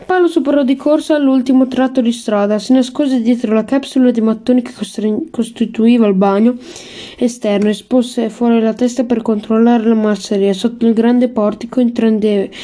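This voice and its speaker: A woman reads a children's novel aloud, calm and steady, stumbling now and then and correcting herself. Her voice sits fairly high, with a warm, mellow tone. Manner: steady read-aloud with small slips and restarts. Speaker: reader.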